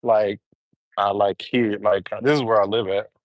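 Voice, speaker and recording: Chatting to his stream audience as "gang," this young Alabama livestreamer with a Southern accent rambles along on the road and inside a store. He speaks in a lowish, steady, unhurried voice, captured without echo but sounding muffled.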